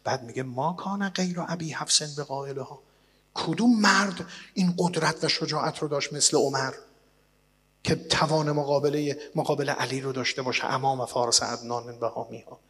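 A man delivering a sermon, reading and translating old texts with dramatic swings between loud declaiming and hushed low passages. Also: slightly rough. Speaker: preacher. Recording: long reverb, as in a large hall.

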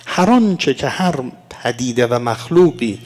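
Male preacher at mid pitch, teaching line by line, voice trailing into a long hall reverb. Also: expressive, darkish tone. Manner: expository, asks and answers rhetorical questions; recites Arabic verses slowly and deliberately. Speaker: religious lecturer. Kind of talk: evening sermon explaining Quran verses.

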